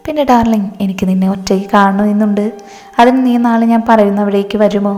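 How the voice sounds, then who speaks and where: A deceitful young man who sweet-talks and coaxes, as a woman storyteller reads him. He speaks flat and even, in an echoey space with soft music. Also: mid-range voice, a little fast, lightly acted. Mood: coaxing. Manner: sweet-talking. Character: smooth-talking young man, deceitful charmer.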